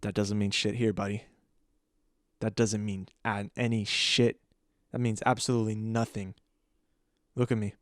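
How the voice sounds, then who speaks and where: A man's voice: lowish voice, no echo, studio quality, lightly acted. A young man playing a pushy, swearing pawnbroker who haggles bluntly.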